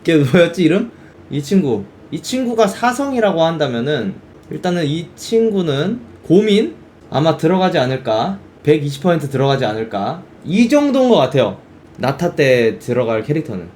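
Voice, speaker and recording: A man's voice: fairly high pitch, normal speed, a little hiss or hum. A young man who streams games, chatting casually and acting out reactions in quoted bits. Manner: animated, exclaims and acts out quoted reactions. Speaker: game streamer. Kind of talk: casual game chat.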